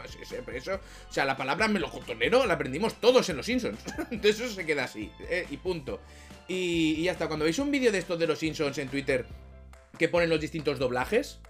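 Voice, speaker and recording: A man's voice: on the high side, fairly bright tone. Rambling self-mocking man. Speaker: YouTuber. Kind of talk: casual rambling vlog chat.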